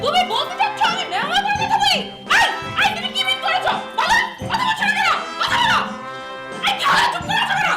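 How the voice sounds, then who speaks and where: A woman playing a shrill bossy young wife. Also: animated, fast talker, long pauses. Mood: scolding. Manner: high, scolding, shrill. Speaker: wife Nila. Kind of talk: comedy TV drama acting. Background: music.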